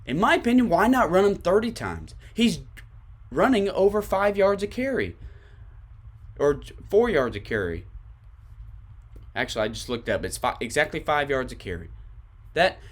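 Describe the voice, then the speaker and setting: A man's voice: fairly high pitch, big pitch swings, moderate pace, long pauses. A man with a Tennessee accent hosting a sports podcast, giving emphatic commentary to his listeners and repeating his points for stress.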